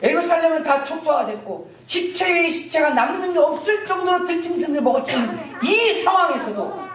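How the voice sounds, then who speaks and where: A woman's voice: very high-pitched, animated, moderate pace. A woman pastor preaching an impassioned sermon in a church, acting out scripture dialogue. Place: church sanctuary. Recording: echoey church, from a distance.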